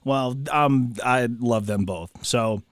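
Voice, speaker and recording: A man co-hosting a casual podcast, telling stories in a slangy, excitable way with repeated words. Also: mid-range voice, slow pace, no echo, clean studio sound. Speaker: podcast co-host; broadcaster. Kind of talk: casual chat.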